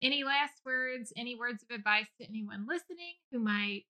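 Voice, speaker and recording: Bright-voiced woman hosting a podcast. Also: fairly high pitch, expressive, moderate pace. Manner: friendly, asks direct questions. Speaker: podcast host. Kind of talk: casual interview.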